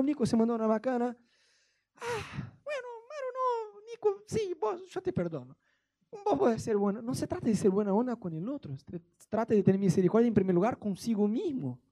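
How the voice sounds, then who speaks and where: A man's voice: sits high, warm tone. A man with an Argentine accent preaching a sermon in a playful, colloquial way, mixing jokes into his teaching. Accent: Argentine Spanish.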